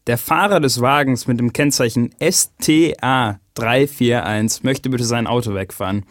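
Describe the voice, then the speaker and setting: A man's voice: mid-range voice, a little slow, dry recording, studio quality. A man reading a public notice in a firm, urgent way. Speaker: announcer. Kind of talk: scripted public announcement.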